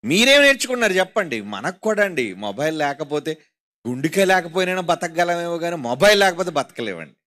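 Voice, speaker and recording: Male Telugu preacher, high and very animated, scolding with mocking rhetorical questions. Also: brisk. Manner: mocking, rhetorical, constantly asking the audience. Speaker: pastor. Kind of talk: sermon.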